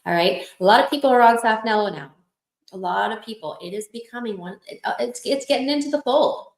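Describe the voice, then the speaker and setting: A woman's voice: on the high side, brisk. A woman hosting a support livestream, talking casually and affectionately, telling personal stories and encouraging her viewers. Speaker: host of a lupus support livestream. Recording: roomy echoey room.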